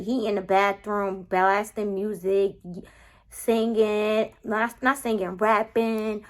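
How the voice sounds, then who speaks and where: A woman in her twenties telling a date story in a casual vlog, animated and exasperated, full of profanity and acted-out dialogue. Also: medium pitch. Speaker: vlogger.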